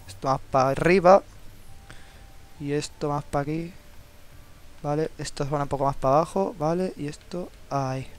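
A young man with a Spain Spanish accent talks casually over his gameplay. He is eager and excitable and swears when things go wrong. His voice sits slightly high and sounds smooth and clear. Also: normal speed, long pauses. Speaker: gameplay video host. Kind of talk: casual gaming commentary.

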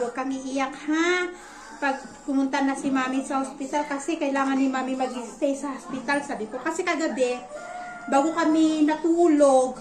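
A woman's voice: high-pitched, echoey room. A young woman, a mother, chatting casually to her viewers and telling a story from home while she works. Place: at home, indoors.

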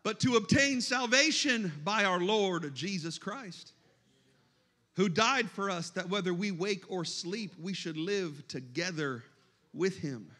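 A man preaching a sermon in a church, moving between hushed scripture reading and shouted exhortation. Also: high voice, slow pace.

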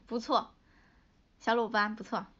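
A young woman in her twenties chatting playfully with fans on a livestream, giggling as she tells a joke haltingly. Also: on the high side, little pitch movement, a bit bright. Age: 20s. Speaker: livestream host. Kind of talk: casual livestream chat with fans. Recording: dull lo-fi livestream audio.

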